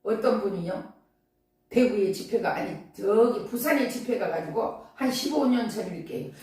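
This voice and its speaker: A woman's voice: medium pitch, moderate pace, warm tone. A middle-aged woman pastor preaching a revival sermon, emphatic and repetitive, often crying out hallelujah. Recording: echoey hall, voice from far off.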